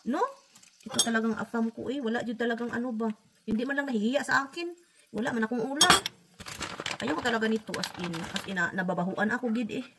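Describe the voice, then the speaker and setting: A woman's voice: a little high, fast, heavy background noise. A woman chatting casually to her viewers in a home vlog, calling out to them often. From Philippines. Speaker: vlogger.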